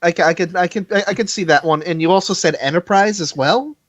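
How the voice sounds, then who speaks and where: A man's voice: high voice, fast talker, no echo, dull audio. A man co-hosting a casual fan podcast, exclaiming and joking. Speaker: podcast co-host. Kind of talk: casual chat.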